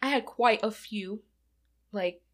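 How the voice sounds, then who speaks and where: A woman's voice: mid-range voice, takes it slowly. A woman in her twenties from Michigan, co-hosting a podcast in casual chat, talkative, laughing often and swearing freely. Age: 20s. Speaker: podcast co-host.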